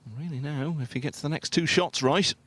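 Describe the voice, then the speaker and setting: A man commentating on snooker in a hushed, measured, understated and analytical way. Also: fairly high pitch.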